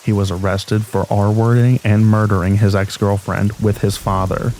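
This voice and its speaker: A man with a fairly low voice narrates scripted scary stories as a sleep aid. His delivery is calm and steady. A soft bed of falling rain runs faintly behind him. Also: normal speed, a little hiss or hum, rough recording. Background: rain ambience.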